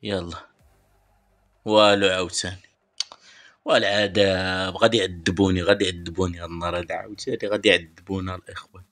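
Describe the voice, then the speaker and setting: Brisk male host with a Moroccan accent, low-voiced, chatty pack-opening commentary for viewers. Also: flat delivery, a bit bright. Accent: Moroccan Arabic. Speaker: mobile football game channel host.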